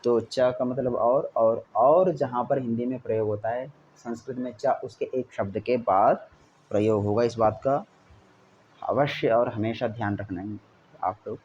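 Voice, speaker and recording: Slow-paced male Sanskrit teacher. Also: mid-range voice, darkish tone. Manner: slow, dictation-like reading of example sentences; repeats each example with a Hindi gloss. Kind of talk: school grammar lesson. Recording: dull lo-fi recording with faint hiss.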